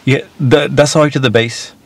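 Speaking at a moderate pace with a mid-range voice and fairly even intonation, a driving instructor in his thirties guides a learner step by step, often asking "yeah?". The back-and-forth happens in a parked car, and cabin noise is noticeable.

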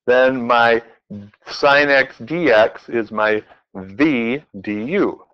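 A man's voice: mid-range voice, drawn-out words, clear, resonant tone, lo-fi sound. A man teaching a math class in a classroom, working examples aloud and playfully quizzing his students as he goes. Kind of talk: classroom lecture.

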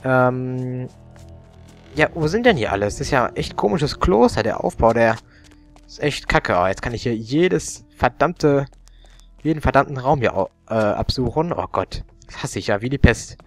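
A man's voice: medium pitch, lively intonation, normal speed, soft background music. A young man doing casual gaming commentary, grumbling and swearing as he plays. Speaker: let's player.

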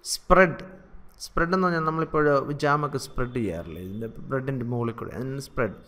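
Male English teacher with a Malayali accent, patient and repetitive, mid-pitched voice. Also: a bit bright. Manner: drills verb forms slowly and repetitively. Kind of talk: spoken English lesson in Malayalam.

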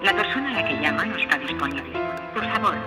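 A man's recorded voice giving an automated answering machine message, flat and sped up. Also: sits high, fast talker, loud music behind the voice. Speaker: voicemail prompt. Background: loud hip hop beat.

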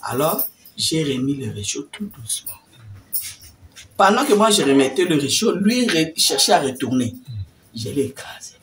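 A woman tells her personal faith testimony as an interview guest, acting out the words of others as she goes. Her pitch swings widely and expressively. She sits some way from the mic, with a faint hiss of noise behind her. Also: normal speed, distant mic. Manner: animated storytelling, acting out quoted speech.

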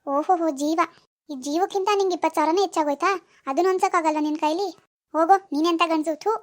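Woman doing a sulky demanding young village woman, cartoon voice, very high-pitched, quick, sarcastic scolding tone. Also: steady tone. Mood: angry. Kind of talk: cartoon dialogue voice acting.

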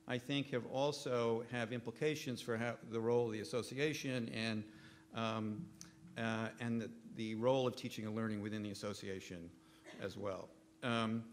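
A man's voice: medium pitch, a little hiss or hum. A man in his fifties giving a conference keynote lecture from a podium microphone in a hotel ballroom, often stopping to correct himself. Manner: halting, self-correcting delivery. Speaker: keynote speaker.

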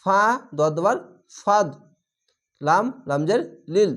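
A man teaching Quran reading, slowly spelling out each word syllable by syllable. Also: high voice. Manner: slow, drawn-out syllable-by-syllable spelling of Arabic words. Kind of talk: spelling-out recitation lesson.

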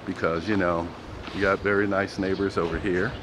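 A man's voice: sits low, flat delivery, moderate pace. A man casually narrating a walking tour of his property outdoors, rambling with fillers, filmed on a handheld phone. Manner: rambling, conversational, fillers like "you know". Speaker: vlogger giving a property tour. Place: outdoors on a street and yard in the sun. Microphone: handheld phone camera. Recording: outdoor phone recording with clear background noise.

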